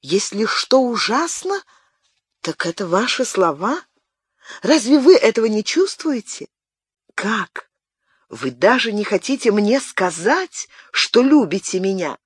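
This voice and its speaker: A young noblewoman in love speaks through an audiobook, as the reader lifts the voice well above their own. Her lines are earnest and pleading, and her pitch swoops about with feeling. The sound is close and dry. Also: big pitch swings, a little slow, no echo. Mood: bewildered. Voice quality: higher, lighter voice. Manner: tender and pleading. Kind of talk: audiobook narration.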